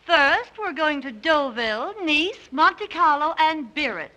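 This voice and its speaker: An actress playing a pampered, willful young bride in a 1930s film, insistent and coaxing. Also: female voice, sits high, expressive, unhurried, pushed and bright, heavily acted. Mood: stubborn. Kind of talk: early 1930s film acting.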